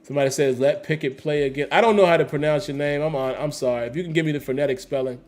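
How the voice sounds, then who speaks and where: A man's voice: a little high, rapid-fire, a little mellow, faint music behind. A man hosting a casual livestream, reading chat comments aloud and answering them emphatically with slangy repetition. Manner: emphatic, repeats phrases, slangy. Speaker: host reading live chat.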